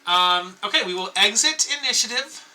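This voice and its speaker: Lively bright-voiced game master. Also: mid-range voice, moderate pace. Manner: hesitant, many fillers, chatty. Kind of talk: running a tabletop game.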